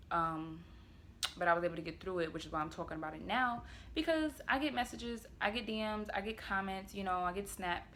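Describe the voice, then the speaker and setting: A woman vlogger telling a personal story to the camera in an earnest, confessional way, often going quiet, with blunt words now and then. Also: fairly low pitch, slight background noise. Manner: blunt, with occasional swearing.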